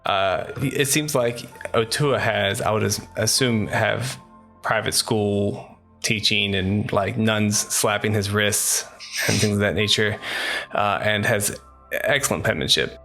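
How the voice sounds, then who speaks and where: A man's voice: fairly low pitch, fairly even intonation, slow pace, creaky, pushed and bright, soft background music. A man narrating as game master of a tabletop game, casual and loose, with restarts.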